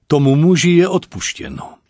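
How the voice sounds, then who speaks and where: A man's voice: on the high side, wildly swooping pitch, mellow, no room sound, clean studio sound, pitched above the performer's own voice, exaggerated voice. A man voicing a young woman general, kind but commanding, who asks firm questions and gives orders.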